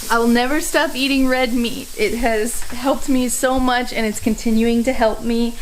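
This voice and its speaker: A woman's voice: fairly high pitch, slight background noise. A young woman chatting casually in a cooking vlog, upbeat and talkative as she explains each step. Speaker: cooking vlogger.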